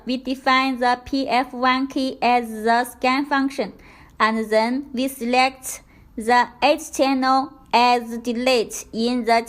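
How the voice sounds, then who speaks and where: Her voice a little high, a woman walks through a product tutorial from a script, taking each step in a careful, deliberate manner.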